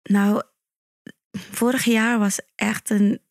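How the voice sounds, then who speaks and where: A woman guest on a podcast, calm and measured as she tells her story, often answering with a quick yes. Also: mid-range voice, gravelly, dry recording, clean studio sound. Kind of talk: conversational podcast interview.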